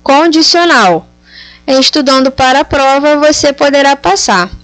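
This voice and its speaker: A woman's voice: high voice, normal speed, creaky, no echo, faint music behind. A woman teaching grammar, explaining patiently and checking understanding with frequent tag questions. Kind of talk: explanatory lesson.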